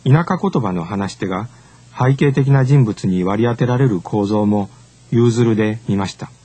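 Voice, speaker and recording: A man giving a scripted lecture in a measured, formal, explanatory way. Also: lowish voice, mellow.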